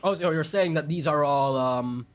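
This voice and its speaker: A man's voice: a little high, moderate pace, faint music behind. A man with a Filipino accent chatting casually on a live stream, rambling and self-deprecating as he answers his chat. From Philippines.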